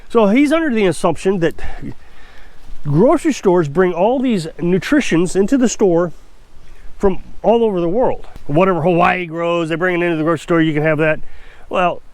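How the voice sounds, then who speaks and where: There's no room sound as this off-grid homestead vlogger from Missouri talks to camera, stuffy from a cold. His voice sits high and is a little mellow, animated at a moderate pace, as he rambles chattily and confidently through his opinions.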